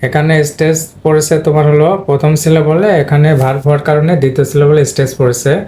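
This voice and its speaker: Flat-voiced man teaching English pronunciation. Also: a little high, quick pace. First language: Bengali. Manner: explains step by step, addresses viewers directly; clears his throat now and then. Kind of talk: spoken pronunciation lesson.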